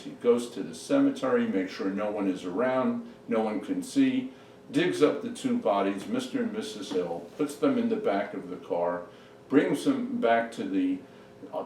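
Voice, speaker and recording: A man's voice: on the low side, a little mellow. Guy telling a joke, far from the mic, echoey room, a bit of hiss. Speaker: joke teller. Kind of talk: storytelling a joke.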